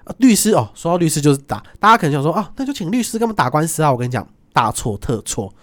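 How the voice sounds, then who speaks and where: A young adult man, a guest, telling stories in a lively casual chat and acting out the voices of people in them. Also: a little high. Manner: animated, quick, acts out voices in his stories.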